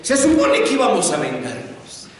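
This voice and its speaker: A man's voice: sits high, wildly swooping pitch, moderate pace, distant mic. A man voicing a bewildered soldier who expected to fight, in an echoey hall. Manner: bewildered, indignant. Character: confused soldier of an ancient king.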